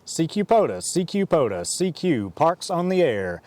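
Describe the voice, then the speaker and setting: A man making a ham radio call outdoors, reciting his call sign in phonetic alphabet over and over with a steady rhythm. His voice sits a little high for a man, with faint noise behind it. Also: normal speed. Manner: steady, repetitive radio procedure cadence. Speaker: amateur radio operator. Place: outdoors in a park.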